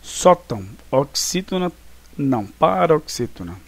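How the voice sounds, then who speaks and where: A teacher with a slightly high voice talks through a recorded online class. He is casual and chatty and keeps checking that his students follow along. He is a man working through exercises step by step. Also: sing-song, unhurried, gravelly. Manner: casual, chatty, with many fillers and check-ins.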